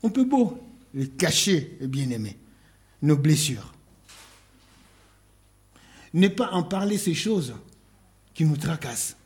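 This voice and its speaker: A man preaching a sermon at an unhurried pace, his voice sitting a little high for a man. He breaks his points into short phrases with pauses between them and leans on rhetorical questions. When he reads scripture, his delivery slows and turns solemn. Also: big pitch swings, darkish tone. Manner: reads scripture aloud in a slowed, solemn cadence.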